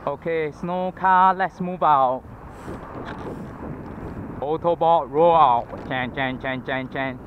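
Slow and leaving long pauses, a high-leaning male voice with a Singaporean English accent muses aloud with fillers as he rides a scooter, panting from exertion. He's a vlogger chatting casually on a city roadside pavement. His head-mounted action camera mic records lo-fi sound with passing traffic.

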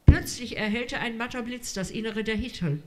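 A woman reading a literary story aloud in a measured storytelling manner. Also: fairly high pitch. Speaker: reader.

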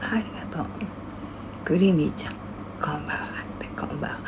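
An older woman chatting casually on a livestream. She reads viewer comments in half-whispers and grumbles loudly in between. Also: low-pitched, fast talker.

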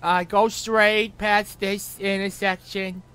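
A man's voice: sits high, flat delivery, takes it slowly, pushed and bright, smooth. A man in a game role-play, giving directions hesitantly and hedging with "uh". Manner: hesitant, hedges with 'uh'.

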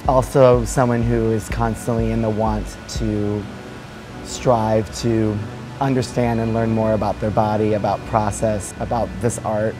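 A man's voice: lowish voice, level tone, a little slow, low-quality recording. Man in his thirties, dance teacher, reflective interview talk, fillers and restarts, lapel mic, music playing behind. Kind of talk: interview answers. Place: large hotel lounge, indoors.

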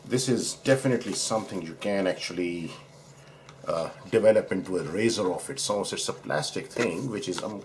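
A man's voice: low-pitched, a little hiss or hum. A man from Pakistan, a doctor, chatting casually through a razor unboxing at his desk, rambling and correcting himself as he admires the parts. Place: indoors at a desk, overhead camera.

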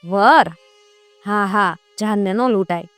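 A swaggering male robber from a told folk tale, mocking and barking his threats, with a woman doing the voice. The bandit's voice jumps up sharply in pitch and loudness. It is heard close and dry. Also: slow pace, smooth, dry recording, soft background music. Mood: menacing.

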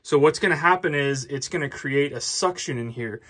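Male DIY host, relaxed how-to delivery, bright tone, phone-recorded in a basement. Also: on the high side, normal speed. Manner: relaxed, explanatory, step-by-step. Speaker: DIY HVAC video host. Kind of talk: casual how-to demonstration. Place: basement utility room, indoors.

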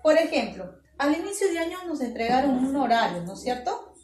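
High-voiced Peruvian woman teaching children. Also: big pitch swings, a little fast, a little mellow, recorded from a distance. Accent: Peruvian Spanish. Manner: patient, explaining step by step. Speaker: primary school math teacher. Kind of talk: virtual class lesson. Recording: echoey room, voice away from mic, faint noise.

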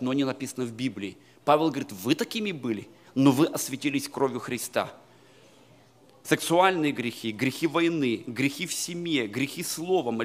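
A middle-aged man preaching a sermon to a church congregation in an emphatic manner that rises to loud exclamations. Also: mid-range voice. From Slavic Baptist emigrant community in California. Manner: emphatic, rising to loud exclamations, addresses congregation as brothers and sisters. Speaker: pastor. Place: church hall.

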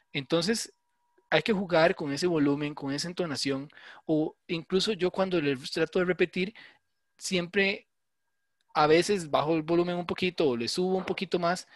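A man's voice: a little high, fairly bright tone, no room sound, studio quality. A man giving a university lecture, explaining in a conversational way and checking often with "¿verdad?". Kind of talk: online class lecture.

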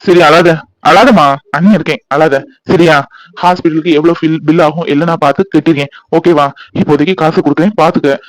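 A kind, protective cartoon friend , voiced by a man, soothing and reassuring like a big brother. His voice sits a little high and moves quickly, in speech. The recording is dry and close. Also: steady tone, dry recording, natural voice, low-quality recording. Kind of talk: cartoon voice acting.

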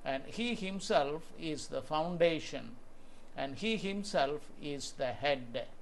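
Slow gravelly older Indian-accented preacher. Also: male voice, a little high, lively intonation, slight background noise. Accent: Indian English. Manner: slow, earnest preaching with scripture quotes. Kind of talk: home video sermon. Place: small indoor room.

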